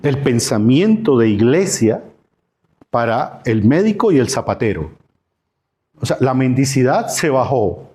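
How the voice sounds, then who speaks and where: A man's voice: mid-range voice, very animated, a little slow, warm tone. A man, a pastor teaching a Sunday school class, who poses questions to the class and acts out dialogue from the parables. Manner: asks the class questions and answers them himself.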